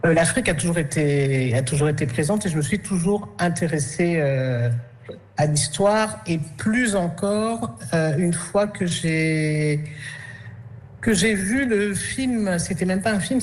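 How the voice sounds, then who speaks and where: Hesitant woman with frequent fillers. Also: low voice. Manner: hesitant, many fillers and restarts; laughs softly between thoughts. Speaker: artist and actress, interview guest. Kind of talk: conversational interview answers.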